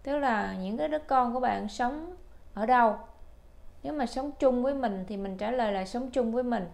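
A Vietnamese-native woman teaching English to older learners, repeating phrases slowly and carefully. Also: fairly high pitch, creaky, a little mellow. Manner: slow, careful spelled-out English drills. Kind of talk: language lesson for older learners.

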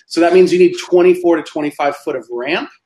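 A man's voice: a little high, fairly quick, a little mellow, roomy sound, low-quality recording. A man who designs tiny houses, reading out viewer questions and explaining answers in a live Q&A. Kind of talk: live Q&A chat.

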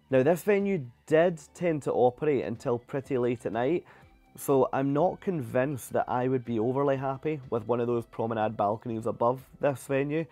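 A man's voice: medium pitch, a little mellow. A young man narrating a cruise ship tour in a chatty, enthusiastic way, often repeating words for emphasis.

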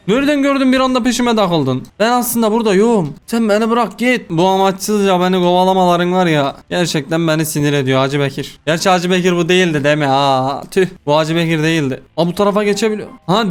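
A man's voice: high-pitched, smooth. A young man giving casual let's-play commentary on a horror game, jumpy and swearing, talking back to the game at a desk mic. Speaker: gaming YouTuber.

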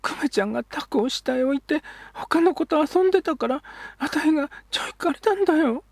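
A man's voice: very high voice, expressive, fairly quick, gravelly, dry recording, pitched above the performer's own voice, full character voice. A man voicing a small, hurt and sulky boy who pleads in a childish way in Edo-era speech. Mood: aggrieved.

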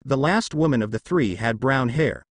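Man, fan fiction narrator, descriptive storytelling, lively pitch, dry close recording. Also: moderate pace, no echo. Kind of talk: reading fan fiction aloud.

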